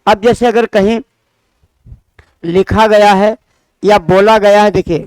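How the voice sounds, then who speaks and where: A man with a fairly high, smooth and resonant voice teaches grammar to exam students. He speaks slowly and deliberately, repeating each example with careful pauses. The sound is dry and close, with no room echo. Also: steady tone, a little mellow. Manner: quizzes listeners with questions he answers himself. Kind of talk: Hindi grammar lesson.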